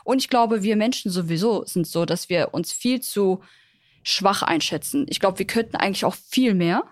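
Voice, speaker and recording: A woman co-hosting a podcast, talking in a lively, encouraging way and often backing up her partner with short "mhm"s. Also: mid-range voice, moderate pace, no room sound, clean studio sound. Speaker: podcast co-host. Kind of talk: casual podcast chat.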